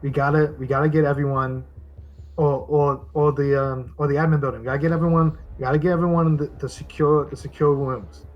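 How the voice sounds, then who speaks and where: A man voicing a panicked older male senior enlisted soldier, yelling and stammering, out of breath. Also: a little high, steady tone, quick pace, muffled recording, voice pushed up, close to an everyday voice. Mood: frantic.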